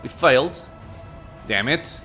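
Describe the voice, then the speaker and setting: A man's voice: medium pitch, animated, slow pace, sharp tone, soft background music. A man hosting a gaming video, thinking aloud with fillers and muttered asides as he plays. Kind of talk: casual let's-play commentary.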